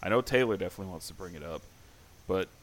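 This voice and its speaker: A man's voice: sits low, lively intonation, very fast. A man hosting a casual fantasy football podcast, easygoing as he steers the talk to the next topic. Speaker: podcast host.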